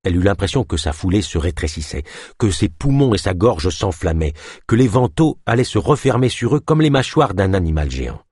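A man narrating an audiobook in a lively, expressive storytelling manner. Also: sits low, a little fast, breathy edge, no echo, clean studio sound.

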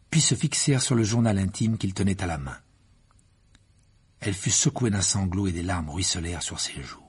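Male audiobook narrator, gravelly and very husky, expressive storytelling, mid-range voice. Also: lowish voice. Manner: expressive storytelling, rising with the action. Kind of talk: reading a fantasy novel aloud.

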